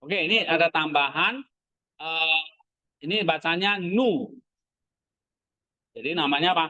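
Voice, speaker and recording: A man's voice: a little high, unhurried, sharp tone, dry recording, poor audio. A man teaching a class, asking his students short questions as he goes. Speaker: Greek language teacher. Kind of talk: classroom lesson.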